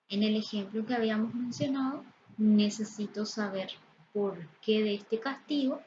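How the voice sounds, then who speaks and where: A woman teaching a Spanish grammar lesson, explaining step by step and reading example sentences slowly and carefully. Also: a little high, a little mellow. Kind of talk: slow, deliberate lesson explanation. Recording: slightly dull, lo-fi sound with faint background noise.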